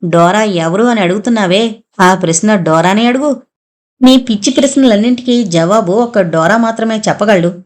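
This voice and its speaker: A woman's voice: mid-range voice, normal speed, lightly acted. A woman voicing a mysterious mocking sorceress who gives cryptic warnings in an audiobook novel. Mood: taunting.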